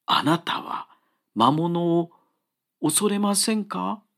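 A man's voice: medium pitch, big pitch swings, slow pace, vocal fry, exaggerated voice. A man voicing an earnest, humble woodcutter who speaks politely and urgently, begging a traveller to come with him. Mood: alarmed. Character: anxious earnest male woodcutter, humble and pleading.

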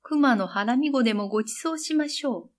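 A woman's voice: high voice, brisk, natural voice. A woman reading a storybook, voicing a sly, wicked goblin spider who greets a guest with fawning politeness. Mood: falsely welcoming.

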